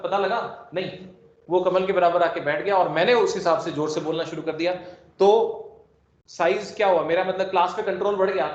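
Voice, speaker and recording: A male chemistry teacher giving a classroom lecture, joking and explaining with everyday classroom analogies. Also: sits high. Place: classroom with students present. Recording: echoey classroom, dull lo-fi sound.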